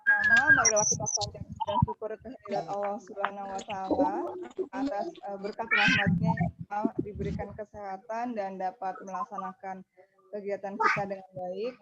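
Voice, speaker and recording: A woman teacher gives a formal address at an online parents' meeting, her voice glitchy and breaking up over the video call, with pauses filled by "eh". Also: medium pitch, very noisy. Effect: glitchy, breaking-up video call audio. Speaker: homeroom teacher. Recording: muffled video call audio.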